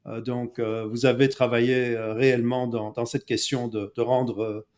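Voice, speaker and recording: A Belgian-born man hosting an interview, speaking in a measured way with frequent fillers. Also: mid-range voice, flat delivery, darkish tone. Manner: measured, frequent "euh" and "donc". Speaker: host. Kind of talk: conversational interview.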